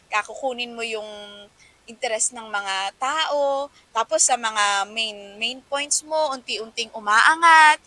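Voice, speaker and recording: A woman giving a chatty, lively lecture on teaching children, mixing languages and often asking her listeners to agree. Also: high voice, poor audio.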